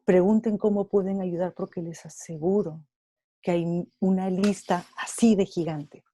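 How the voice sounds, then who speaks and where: A woman's voice: fairly low pitch, fairly even intonation, unhurried, warm tone, slightly rough, no room sound. A woman with a Peruvian Spanish accent speaking as a guest on an online panel, explaining patiently and acting out quoted dialogue.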